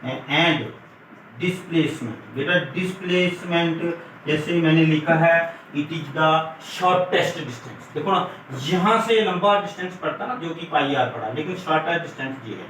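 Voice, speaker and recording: Male lecturer, slightly high voice, step-by-step classroom explaining, faint background hiss. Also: moderate pace, fairly bright tone. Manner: explains step by step, mixes English terms, calls students "beta". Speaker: physics lecturer. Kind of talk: classroom lesson at a board. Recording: echoey room from far off, faint noise.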